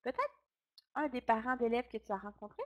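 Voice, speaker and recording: A helpful mother from a children's storybook, voiced by a woman reading aloud. She speaks thoughtfully and offers suggestions quickly. The voice is fairly high. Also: fairly bright tone, lightly acted.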